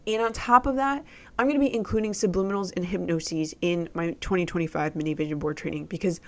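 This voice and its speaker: A woman's voice: on the low side, steady tone, fast talker. A woman hosting a solo podcast, giving business coaching advice in an emphatic way and repeating key words.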